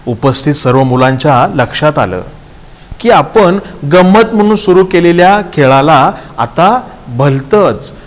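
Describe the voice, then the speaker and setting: A man teaching a class reads a story aloud at an unhurried pace. He goes back over each sentence in plainer words. His voice carries a long, lingering reverb. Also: a little high, expressive. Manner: reads a sentence, then retells it in simpler words. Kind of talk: reading a story aloud and explaining it.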